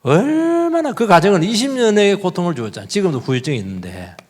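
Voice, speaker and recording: A middle-aged male pastor, preaching an animated sermon and swinging between loud outbursts and hushed asides. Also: sits high, fast. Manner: animated, acts out quoted voices, shifts between loud and hushed. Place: church sanctuary. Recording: long church reverb.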